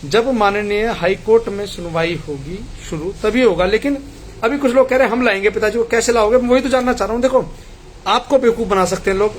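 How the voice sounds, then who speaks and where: A man with a fairly high voice hosts a live stream. He reads viewer messages aloud and answers them earnestly, arguing his point and speaking straight to his audience. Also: a little hiss or hum. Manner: earnest, argumentative, addresses viewers directly. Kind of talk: casual live commentary reading messages.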